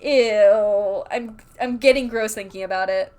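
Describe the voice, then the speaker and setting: A woman's voice: mid-range voice, moderate pace. Rambling, candid woman streamer. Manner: rambling and candid, many filler words; reads chat messages aloud and reacts. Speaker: livestreamer. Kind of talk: casual livestream chat while drawing.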